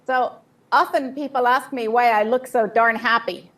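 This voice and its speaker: A woman with a fairly high voice recounts a personal story in short, vivid bursts. She stops after each phrase so an interpreter can follow. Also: steady tone, a bit bright. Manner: vivid storytelling, pausing for translation. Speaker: guest speaker. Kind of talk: personal testimony with live interpreter.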